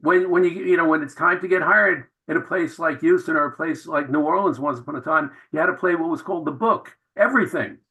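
A man's voice: a little high, fairly quick, hardly any pauses, bright, forceful tone, poor audio. A man, a film director, answering radio interview questions with enthusiastic, anecdotal storytelling.

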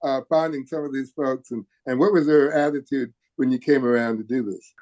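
Man asking halting radio interview questions. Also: medium pitch, fairly even intonation, darkish tone. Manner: hesitant questions with many fillers. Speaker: radio music director and guest host.

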